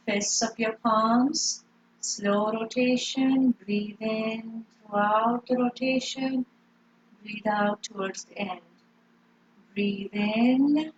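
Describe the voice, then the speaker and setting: A woman leading a yoga lesson, giving slow, calm breathing cues and gentle instructions. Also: on the high side, highs cut off, slight background noise.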